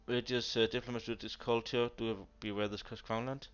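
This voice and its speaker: A man's voice: medium pitch, flat delivery, fast talker, smooth. A man giving casual, blunt commentary on a player's strategy game nation, exasperated and full of fillers. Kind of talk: casual commentary over gameplay. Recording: dull lo-fi mic with keyboard typing behind.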